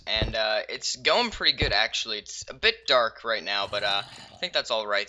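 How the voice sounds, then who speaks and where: A man giving relaxed let's-play commentary while building in a game, thinking aloud with many pauses and fillers and sudden excited bursts. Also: medium pitch, slight background noise. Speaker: gaming YouTuber.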